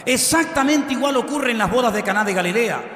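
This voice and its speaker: Animated Spanish pastor in an echoing hall. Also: male voice, very high-pitched, a little fast. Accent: Spain Spanish. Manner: animated preaching with frequent rhetorical questions. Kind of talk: sermon. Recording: echoey hall with long reverb.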